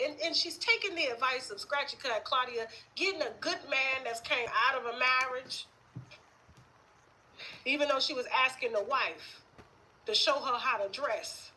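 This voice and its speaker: A woman from the Southern US hosting a casual gossip livestream, sassy and animated, with laughing asides. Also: high-pitched, a little hiss or hum, low-quality recording. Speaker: gossip show host.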